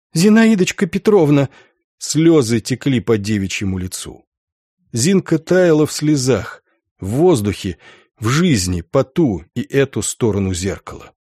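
A man reading literary fiction aloud as a narrator, in a measured, expressive delivery. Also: medium pitch, husky, no echo, studio quality. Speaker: audiobook narrator.

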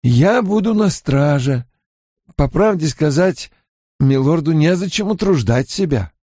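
A man's voice: a little high, lively intonation, measured pace, dark tone, dry recording, clean studio sound, voice pushed up. A man voicing a dutiful, overly formal male servant in an audiobook, deferential and stiff. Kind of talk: audiobook character voice.

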